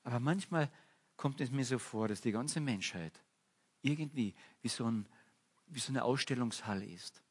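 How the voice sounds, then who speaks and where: Husky preacher. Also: male voice, medium pitch, expressive, normal speed. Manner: conversational, illustrative storytelling. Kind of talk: sermon. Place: church.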